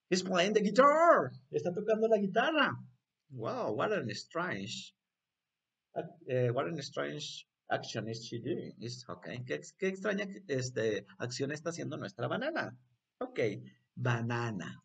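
A man's voice: fairly high pitch, gravelly, a bit bright, husky. A man teaching an online English lesson to young children, switching languages and repeating words for them to echo in a playful voice.

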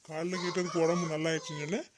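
An exasperated middle-aged son, voiced by a man in a home-made cartoon. He talks fast and evenly, a bit high, with faint birds and roosters behind him. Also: flat delivery, background noise, natural voice. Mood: questioning. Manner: questioning, reproachful.

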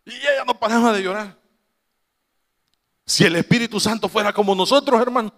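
A man's voice: high voice, brisk, fairly bright tone, in a large hall. A man preaching a sermon to his congregation, telling a family story with quoted voices and laughing asides. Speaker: pastor.

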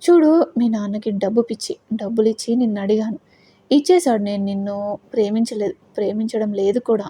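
A woman's voice: mid-range voice, a little fast, warm tone, slightly rough, lightly acted. A woman voicing a cold, domineering young husband in a storybook audio drama. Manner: cold, commanding.

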